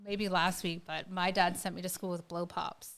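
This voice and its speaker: A woman's voice: fairly low pitch, little pitch movement, normal speed, vocal fry, a bit bright. A woman hosting a casual podcast, upbeat and slangy, cheering her guest on. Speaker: podcast host. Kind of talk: casual chat.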